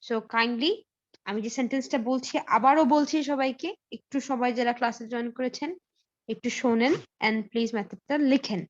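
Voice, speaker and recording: A woman's voice: fairly high pitch, fairly even intonation, normal speed. A woman teaching English in a live online class. She explains step by step with many fillers and slips English phrases into her talk. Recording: slightly dull lo-fi audio.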